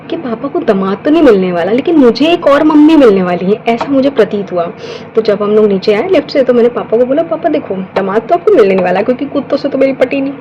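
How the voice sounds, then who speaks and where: Young woman vlogger, slightly high, mellow voice, slightly dull audio with faint hiss. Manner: chatty, animated retelling with quoted dialogue and many fillers. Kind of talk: casual storytelling.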